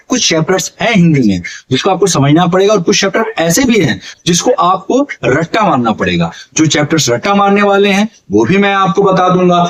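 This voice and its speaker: A man's voice: high-pitched, low-quality recording. A man teaching an online exam-prep lesson, asking his viewers questions and answering them himself, drawing out the key syllables. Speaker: Hindi teacher.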